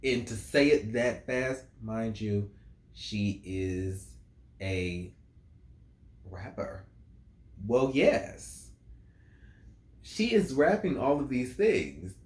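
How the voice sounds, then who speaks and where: A man's voice: fairly low pitch, very animated. A man breaking down a song as a music reviewer, talking it through in a casual, musing way. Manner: slow, musing, reads lyrics aloud. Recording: roomy, echoey room.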